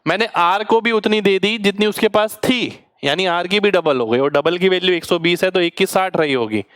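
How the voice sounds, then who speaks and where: A man's voice: high voice, moderate pace, a bit bright, clear, resonant tone, no room sound, clean studio sound. A man teaching a maths exam-prep class, explaining each step patiently in with terms and often asking students whether they understood. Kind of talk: online exam-prep lecture.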